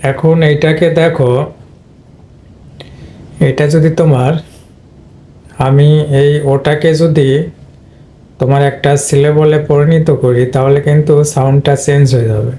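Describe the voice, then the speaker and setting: Flat-voiced male pronunciation teacher. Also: a little high. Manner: repeats and addresses students directly. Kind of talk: explanatory lesson.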